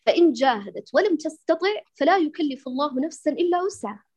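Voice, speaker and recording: A woman's voice: sits high, lively intonation, quick pace, darkish tone. A woman instructor answering a student's question in a lecture, quoting verses and teaching lines. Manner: instructive, quotes verses and poems. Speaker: Quran recitation instructor.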